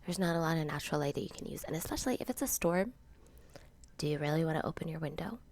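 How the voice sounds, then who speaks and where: A woman whispers softly through a casual home vlog, her voice sitting low with a gravelly, fry-laden texture. She is sick and sniffly, and the room carries a faint hiss of background noise. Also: animated, fast. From Florida, USA. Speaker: teacher and channel host.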